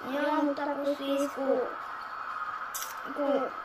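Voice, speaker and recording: Playful high-voiced young female gamer. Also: little pitch movement. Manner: playful, teasing, sometimes sings lines. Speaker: gaming video co-host. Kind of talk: casual gameplay chat. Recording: echoey room, far from mic, loud crowd noise.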